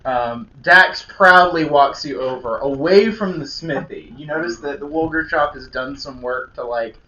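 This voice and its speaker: A man's voice: a little high, a little slow, pushed and bright. A man narrating a tabletop game as game master, describing scenes in a loose way with many fillers. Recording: echoey lo-fi room, faint hum.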